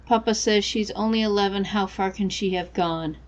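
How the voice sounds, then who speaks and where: A woman's voice: medium pitch, steady tone, normal speed, dull audio, natural voice. Woman reading as a naive, frightened little girl diarist. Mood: sad, reluctant. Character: frightened young girl writing her diary, naive, rural.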